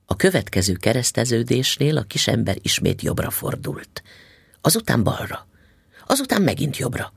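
Husky, lively male audiobook narrator. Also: mid-range voice, no room sound, clean studio sound.

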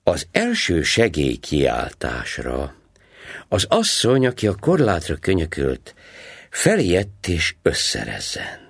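A man's voice: low-pitched, wildly swooping pitch, vocal fry, slightly rough, no room sound, clean studio sound. A man narrating a literary story as an audiobook, reading dramatically and acting out a character's inner thoughts.

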